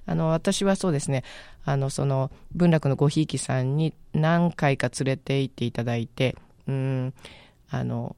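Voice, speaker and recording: A woman's voice: rumbling low, moderate pace, warm tone, clean tone, no room sound. A woman radio host casually recommending a book on air, chatty and musing, often searching aloud for the right word.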